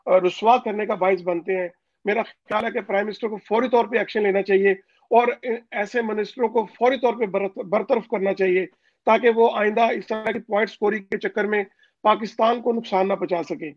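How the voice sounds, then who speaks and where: Man from Pakistan, over a phone call, high voice, muffled lo-fi sound, insistent with hesitant fillers. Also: steady tone, a little fast, no echo. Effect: voice heard over a phone call line. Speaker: interview guest, overseas community leader. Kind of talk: political interview. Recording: dull, dry phone call audio.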